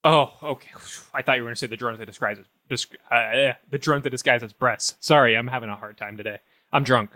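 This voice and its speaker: A man's voice: mid-range voice, steady tone, fast, pushed and bright, no echo. A man co-hosting a comedy podcast, bantering playfully in an improvised sketch. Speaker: podcast co-host.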